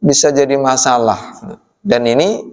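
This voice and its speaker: Folksy preacher in an echoing mosque hall. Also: male voice, mid-range voice, lively intonation, normal speed. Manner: folksy, addresses the audience as "Pak", frequent "ya" tags. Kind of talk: mosque study-circle sermon. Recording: long hall reverb from a mosque.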